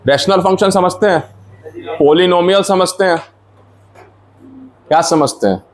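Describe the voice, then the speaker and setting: A man's voice: high-pitched, measured pace. A man teaching engineering in a classroom, explaining step by step, quizzing his students and mixing in English technical terms. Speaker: engineering lecturer. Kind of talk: classroom lecture.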